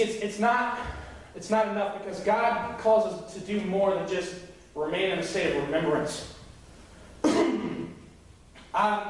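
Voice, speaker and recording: The young youth pastor's voice sits high as he preaches a joking, conversational sermon, playing out quoted voices. He is in a church sanctuary, picked up from a distance in an echoey room with a little hiss or hum.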